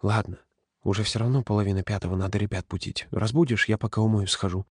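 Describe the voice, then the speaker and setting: A man's voice: lowish voice, quick pace, husky, no echo, studio quality. A man voicing an earnest young male camp counselor who lectures children in an instructive tone. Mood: hushed. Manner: lecturing, didactic.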